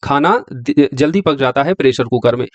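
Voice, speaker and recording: A man's voice: medium pitch, normal speed, no echo. A male teacher giving an exam-prep science lecture who keeps asking the class questions and answering them himself. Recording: dry, slightly dull lo-fi sound.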